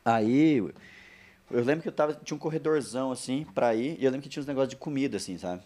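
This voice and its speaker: A Brazilian man rattles off a personal story at a brisk clip, his voice sitting at an ordinary middle pitch. He talks in a loose, chatty way, repeating words for emphasis and acting out quoted lines. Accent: Brazilian Portuguese. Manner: animated anecdote with repeated phrases and quoted asides. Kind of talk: casual storytelling.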